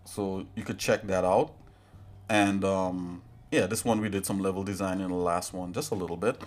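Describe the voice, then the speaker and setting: A man from Trinidad and Tobago hosts a casual livestream tutorial from his home setup, rambling and chatting directly to viewers. His voice sits low and steady at a normal speed.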